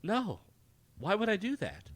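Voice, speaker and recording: A man's voice: high voice, unhurried, breathy edge. Man, podcast co-host, casual movie chat, swears a lot, voice rises and falls a lot. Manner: swearing, restarts, lively back-and-forth. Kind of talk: casual film discussion.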